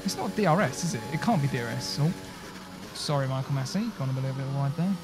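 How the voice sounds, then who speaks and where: A man's voice: mid-range voice, expressive, fast, over music. A young man commentating live over a racing game, chatty and bantering with the game voices. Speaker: gaming streamer.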